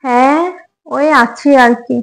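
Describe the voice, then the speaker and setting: A woman playing an anxious young wife in a comic home drama, coaxing and apologizing to calm her husband. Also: high voice, slow pace, gravelly, heavily acted, poor audio. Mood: placating. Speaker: short-drama actress.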